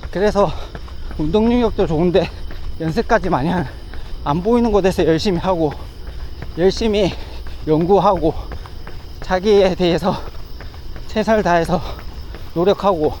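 A man's voice: high voice, normal speed, pauses often, a little mellow, rough recording. A man chatting casually on his own while running outdoors, speaking in short, broken phrases. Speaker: amateur runner vlogging. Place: outdoors along a riverside path. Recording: outdoor ambient noise.

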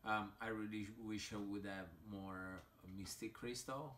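Italian-accented man, slightly drunk, low-ish and very slow, rambling with sighs. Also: steady tone, fairly bright tone, a little hiss or hum. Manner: slow, sighing, rambling with many fillers. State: tipsy. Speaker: mobile game vlogger. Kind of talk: casual commentary while opening game crystals.

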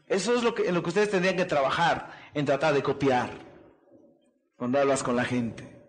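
High-voiced man giving a rousing sermon-like talk. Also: moderate pace. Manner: preachy call-and-response, asks the crowd "¿qué?" and "¿verdad?"; repetitive rousing delivery. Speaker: motivational speaker. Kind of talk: motivational seminar talk.

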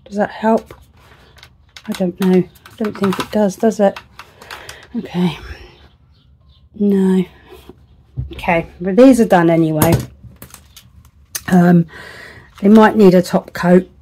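A woman's voice: medium pitch, fairly even intonation, takes it slowly, long pauses, warm tone, slight background noise. A woman crafting at home, thinking aloud in chatty, self-deprecating asides that sometimes drop to a whisper. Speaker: resin crafter. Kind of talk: casual crafting commentary.

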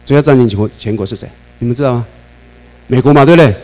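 A man with a Taiwanese Mandarin accent lectures a class in an animated way, throwing questions at his listeners and laughing between points. His voice sits at an ordinary middle pitch, and a steady mains hum runs under the recording. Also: racing, low-quality recording.

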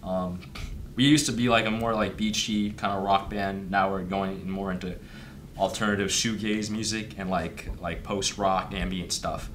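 A man's voice: low voice, fairly even intonation, moderate pace, noisy background. A young man, the band's singer and guitarist, answering interview questions earnestly and ramblingly. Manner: earnest, rambling with many "like" fillers.

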